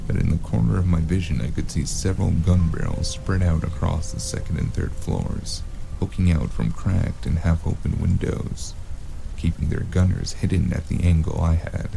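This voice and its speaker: An actor playing a brooding, wry loner, narrating a noir detective audio drama in a gravelly, understated way. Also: male voice, sits low, steady tone, moderate pace, mellow, poor audio. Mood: brooding, tense. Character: gruff, wry noir loner stranger narrating his story. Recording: music behind the voice.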